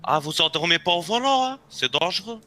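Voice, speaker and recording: A man's voice: sits high, lively intonation, fairly quick, sharp tone. A man chatting in character during a game roleplay, rambling and friendly with the police. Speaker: roleplay player.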